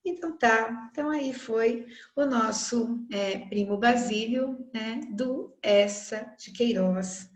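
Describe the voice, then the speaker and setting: A woman's voice: fairly high pitch, slow pace, hardly any pauses. A woman with a Brazilian accent teaching a recorded online literature class, chatty and full of tag questions. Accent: Brazilian Portuguese. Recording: echoey room.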